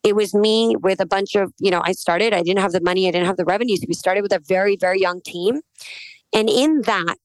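A woman's voice: medium pitch, no echo, poor audio. A woman in her forties with an American accent, raised in Pakistan, telling her story candidly as an interview guest. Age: 40s. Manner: candid and conversational, quick storytelling with fillers. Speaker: guest, agency founder. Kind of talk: casual interview conversation.

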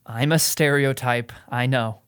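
A man's voice: mid-range voice, steady tone, a little slow, fairly bright tone, clear, resonant tone, natural voice. A young man in a student radio drama playing a shy, anxious teenage boy who stammers and pleads. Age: young adult. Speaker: nephew.

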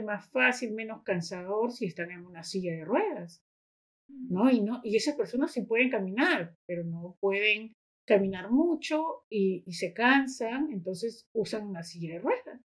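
A woman's voice: mid-range voice, breathy edge. A woman, a guest on a podcast, chatting casually and telling stories while tagging her sentences with little questioning asides. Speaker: guest, educator and activist.

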